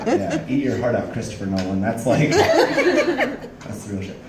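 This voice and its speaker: A man's voice: mid-range voice, huge pitch swings, measured pace, roomy sound, distant mic, heavy background noise. A man in his twenties doing a casual stand-up comedy set, rambling with lots of fillers. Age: 20s. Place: comedy club stage, audience laughing.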